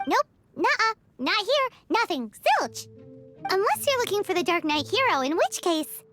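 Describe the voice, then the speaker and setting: A woman voicing a tiny, excitable, cheeky fairy companion in a video game, with a squeaky childlike voice and perky, exaggerated delivery. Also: normal speed, soft background music, exaggerated voice. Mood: flustered. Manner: perky, exaggerated, speaks in third person. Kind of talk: animated video game voice acting.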